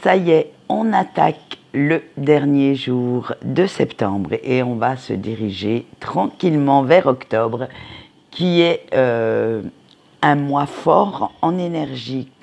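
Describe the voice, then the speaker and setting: Slow, gravelly, hesitant with fillers, weekly card reading, direct gentle advice. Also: medium pitch, animated. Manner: hesitant, frequent fillers and restarts; gentle advice-giving, addresses listeners directly. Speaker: tarot and oracle card reader.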